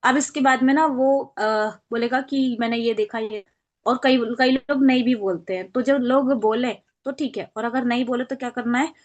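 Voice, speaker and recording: A woman's voice: high-pitched, steady tone, normal speed, hardly any pauses. A woman teaching an online training class on a video call, explaining step by step and acting out sample phone calls.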